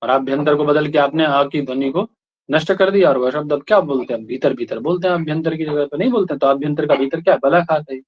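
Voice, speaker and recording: A man from India lecturing a class in a fairly high voice, stopping every few phrases to check that the students follow him. The recording is dull and lo-fi. He speaks in a steady teaching manner. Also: quick pace. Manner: keeps checking in with the class with short tag questions.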